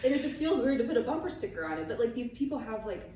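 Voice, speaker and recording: A woman co-hosting a casual chat show muses aloud and lets her sentences trail off softly. She sits well back from the mic in a very echoey room. A faint hiss runs under her voice. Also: a little high, sing-song, rapid-fire, recorded from a distance. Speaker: podcast co-host.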